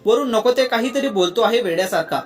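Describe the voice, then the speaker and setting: A storyteller voicing a fiery, sharp-tongued young woman who scolds and snaps, over soft music. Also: on the high side, animated, fast talker, close to an everyday voice. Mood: scolding. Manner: scolding, snapping.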